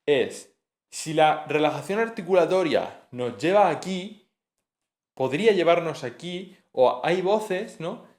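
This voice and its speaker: A man's voice: on the high side, lively intonation, slow, a little mellow. A man giving an informal exam-prep lesson, chatty and thinking aloud, with frequent tag questions and self-corrections. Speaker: teacher. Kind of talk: casual exam-prep lecture.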